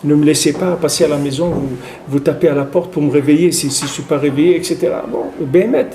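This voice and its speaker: A man giving an informal religious lesson, telling stories with lively restarts and Hebrew terms. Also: a little high, fast talker. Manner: animated storytelling, many restarts and Hebrew terms. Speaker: rabbi giving a Torah class. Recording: echoey room with faint noise.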